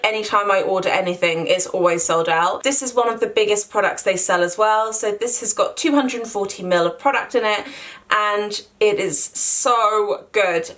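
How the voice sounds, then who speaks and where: A woman's voice: mid-range voice, a bit bright. A woman in her twenties giving a casual, chatty skincare review, often doubling words for emphasis and filling gaps with "like". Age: 20s. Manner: chatty, repeats words for emphasis, many fillers. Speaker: beauty vlogger.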